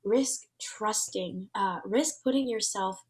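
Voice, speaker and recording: A Vietnamese-speaking woman in her thirties, a transformation facilitator, talks slowly in a medium-pitched voice. She's a guest in a casual, reflective interview, and her speech is earnest and searching, full of fillers and false starts.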